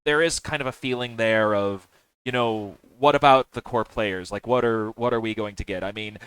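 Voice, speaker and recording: A man chatting casually on a podcast, talking haltingly with many restarts and fillers. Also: fairly low pitch, a bit bright, smooth, dry recording. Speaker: podcast host.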